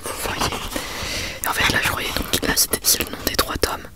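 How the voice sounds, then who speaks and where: A woman presents books in a hushed ASMR library whisper, chatty and rambling with self-mocking asides. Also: moderate pace. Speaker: ASMR video creator.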